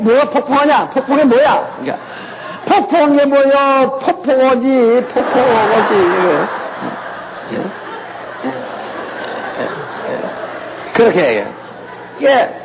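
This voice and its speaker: A man's voice: on the high side, creaky, darkish tone, slightly rough. An older man giving a folksy, conversational Bible lecture, often checking in with his listeners. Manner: folksy, keeps asking "예?" to the audience. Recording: lo-fi recording in a reverberant hall.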